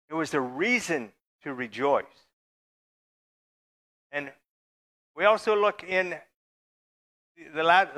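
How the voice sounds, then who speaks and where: A man preaching to his church in a loose, conversational way, now and then joking with the people in the pews. His voice sits a little high and rings bright and forceful. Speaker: pastor. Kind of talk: sermon.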